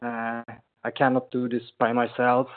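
A man sharing earnestly at a support meeting over a crackly phone line that fades in and out. He talks haltingly, with many restarts. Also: mid-range voice, completely flat delivery. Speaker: member sharing at a recovery meeting. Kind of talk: personal share in a support meeting. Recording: tinny, narrow phone line.

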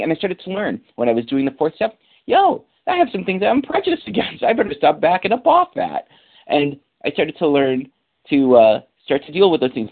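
A man answering a question at a recovery meeting, giving casual, emphatic advice with street slang and a lot of repetition. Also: a little high. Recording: tinny phone line.

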